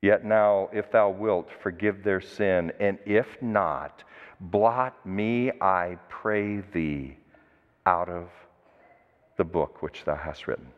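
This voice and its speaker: A man's voice: low-pitched, slow, pitched below the performer's own voice. A pastor voicing Moses as an earnest, humble prophet pleading with God for his people. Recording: dull recording with long church reverb.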